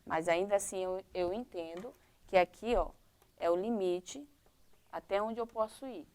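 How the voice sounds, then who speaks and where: A woman's voice: medium pitch, unhurried, darkish tone, smooth. A woman teacher with a Brazilian Portuguese accent, explaining a primary-school lesson step by step and checking in with "tá?" and "ok?".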